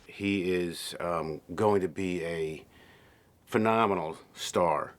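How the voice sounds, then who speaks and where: A man's voice: low voice, slow. A film director talking casually and enthusiastically about casting his series, with frequent fillers. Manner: relaxed, enthusiastic, many fillers. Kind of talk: casual behind-the-scenes interview.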